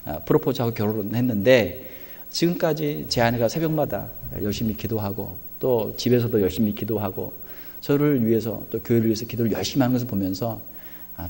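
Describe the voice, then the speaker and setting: A man's voice: medium pitch, lively intonation, normal speed, vocal fry, dark tone. A male pastor preaching a sermon in a conversational style, full of rhetorical questions. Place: church sanctuary. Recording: reverberant church hall.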